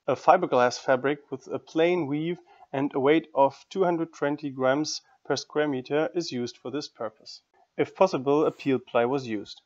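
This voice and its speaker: A man's voice: a little high, darkish tone. Man with dull lo-fi voice-over. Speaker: woodworking channel host. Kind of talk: scripted voice-over tutorial.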